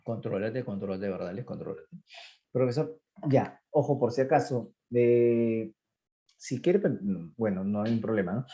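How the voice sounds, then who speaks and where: A man teaching biology, lively, asking questions and answering them himself. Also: mid-range voice, a little slow, lo-fi sound. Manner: animated, asks and answers his own questions, voicing students. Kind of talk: online class lecture.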